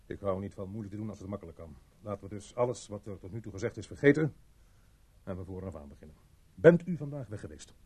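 An actor dubbing a stern police sergeant who questions in a probing way. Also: male voice, on the low side, expressive, fast, warm tone, slightly rough. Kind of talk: dubbed film acting.

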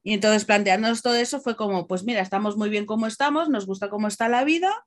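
A woman from the Basque Country, Spain, talks quickly at medium pitch as a podcast guest, casually telling personal stories. Her retelling is chatty and animated, with snippets of dialogue acted out.

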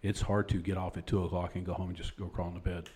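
A man's voice: low-pitched, little pitch movement, fast, darkish tone, breathy edge. A man who is a police officer, talking as a podcast guest and earnestly explaining things in casual talk.

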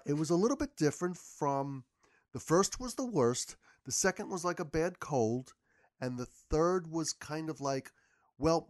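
A man as a podcast guest, talking casually and rambling with lots of restarts. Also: mid-range voice. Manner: rambling, many repeated starts. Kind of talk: casual conversation.

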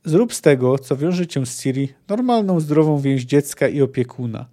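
Man reading a grave old bearded druid, earnest and measured, mellow tone. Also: mid-range voice, expressive, close to an everyday voice. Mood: earnest counsel.

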